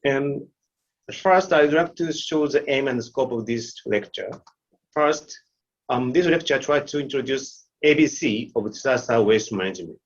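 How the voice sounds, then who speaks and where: Man, 40s, online lecturer, halting with fillers, muffled video call sound. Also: medium pitch, lively intonation. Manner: halting, many fillers and restarts.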